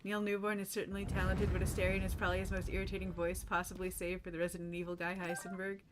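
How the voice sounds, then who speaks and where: A woman's voice: on the low side, completely flat delivery, quick pace, noisy background. A woman streaming a game in a casual, playful and silly way, chatting with her viewers and the characters on screen. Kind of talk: casual gameplay livestream chat.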